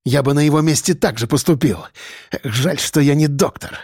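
A man's voice: on the high side, moderate pace, a little mellow, breathy edge, dry recording, studio quality. A man voicing a spoiled, spiteful young man with a sneering, venomous, shrieking voice.

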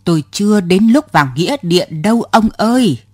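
In a storybook reading, a woman plays a curt, unruffled passenger in her seventies who stubbornly refuses to leave. She speaks at a medium pitch, expressively and fairly quickly, with a slightly rough texture, captured cleanly in a studio without room sound.

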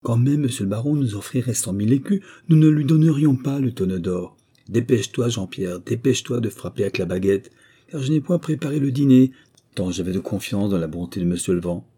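A man voicing an eager, excited peasant woman in a storybook reading. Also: mid-range voice, husky. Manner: eager and hurried. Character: excited poor peasant wife, greedy for riches.

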